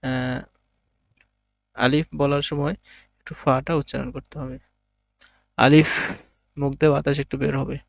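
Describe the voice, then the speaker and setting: A male Quran teacher leads an online alphabet lesson and calls out each letter loudly so it can be repeated. His voice is gravelly and holds an even, level pitch. The recording is dry and close. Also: normal speed, pauses often, no room sound.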